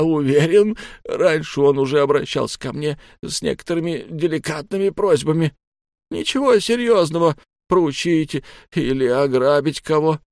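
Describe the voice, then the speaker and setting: A man voicing a terrified, beaten young male middleman who blurts everything out through sobs in a high, shrill voice. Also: a little mellow, no room sound, clean studio sound, lightly acted.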